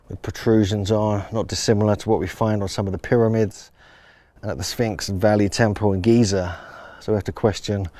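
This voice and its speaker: A man with a warm, lowish voice and no room sound gives walking-tour commentary among ancient temple ruins outdoors. Filming himself handheld, without the camera's stabilizer, he leads viewers around and gushes over how enormous the stones are.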